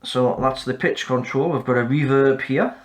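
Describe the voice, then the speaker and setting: A man hosting a repair channel, calmly walking through a fix in a casual, matter-of-fact way and counting off mic checks. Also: mid-range voice, moderate pace.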